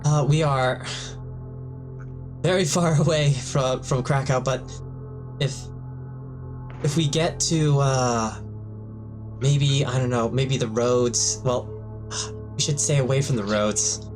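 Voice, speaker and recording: A man's voice: medium pitch, steady tone, takes it slowly, long pauses, over music. A man playing a tabletop game, hesitant, sighing and trailing off mid-thought. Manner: hesitant, fumbling, sighs and trails off. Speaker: player. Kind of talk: tabletop role-play chat.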